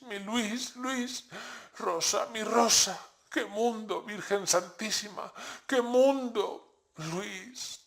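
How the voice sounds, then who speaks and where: A man voicing a grieving mother who wails her dead daughter's and son's names in high, fading repeats. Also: creaky, fairly bright tone, heavily acted.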